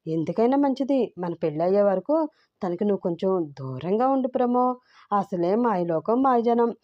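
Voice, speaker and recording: A woman's voice: medium pitch, expressive, normal speed, no room sound, highs cut off, natural voice. A woman voicing a naive, clingy young woman who pleads and whines tearfully in a storybook reading. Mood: anxious.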